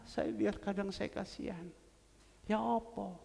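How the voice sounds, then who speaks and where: A male pastor preaching a sermon, an animated storyteller who slips into Javanese phrases while acting out anecdotes. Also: high voice, a little slow, vocal fry. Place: church sanctuary. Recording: long church hall reverb.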